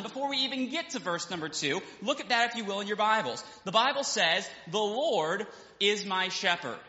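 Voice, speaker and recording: A man's voice: high voice, sharp tone. A man preaching a sermon as pastor, praying and reading scripture aloud to a seated congregation in a church. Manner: preaching with rising fervor, quotes King James scripture. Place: church sanctuary. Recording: echoey hall, dull sound.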